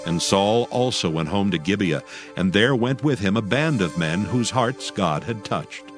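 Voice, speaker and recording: Low, expressive male scripture narrator. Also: music in the background. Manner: measured, solemn storytelling.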